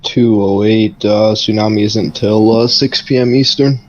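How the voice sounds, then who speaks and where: A man's voice: fairly low pitch, steady tone, a little slow, highs cut off, slight background noise. A man working as a police dispatcher, giving clipped, matter-of-fact calls over a police radio transmission.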